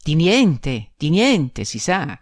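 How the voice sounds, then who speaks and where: A woman's voice: low-pitched, very animated, drawn-out words, no echo, clean studio sound, full character voice. Woman reading as a coaxing country mother. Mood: insistent. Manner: urging, insistent. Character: anxious middle-aged country mother, coaxing.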